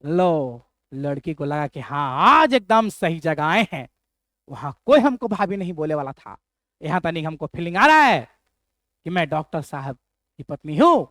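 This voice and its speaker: A male teacher with a Bihari accent tells a story to teach a memory trick. His pitch swings widely, and he stretches and repeats key syllables in a playful way. The sound is dry and close. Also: sing-song, fairly bright tone, no echo. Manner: playful, repetitive, drawn-out syllables. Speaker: geography teacher.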